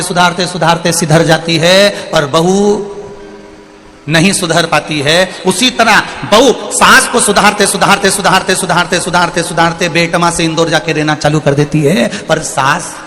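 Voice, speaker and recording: Bright-voiced preacher in a ringing hall. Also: male voice, sits high. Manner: repetitive, rhetorical, drawn-out emphasis. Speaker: preacher, storyteller. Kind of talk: sermon with storytelling. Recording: long reverb of a large venue.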